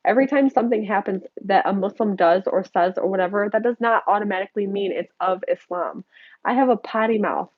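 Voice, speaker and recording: A woman's voice: mid-range voice, fairly quick, dry recording. A young American woman talks through a live Q&A, her voice stuffy and nasal from allergies. She is chatty and candid as she reads out viewer comments. The sound is close and dry, a little muffled. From United States. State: congested from allergies. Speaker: YouTuber answering viewer questions. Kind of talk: casual live-stream Q&A. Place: home desk.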